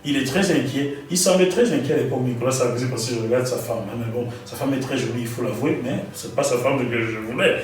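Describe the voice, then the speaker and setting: A man from Gabon, a guest in an interview, telling his story in an animated way and repeating words as he recalls details. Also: medium pitch, fast talker, few pauses, heavy reverb, recorded from a distance, soft background music, poor audio.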